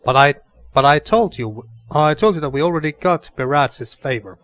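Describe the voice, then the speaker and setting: A man's voice: fairly high pitch, expressive, normal speed, fairly bright tone, dry recording. A man hosting a let's play, commenting and reading game text aloud, often repeating and rephrasing himself.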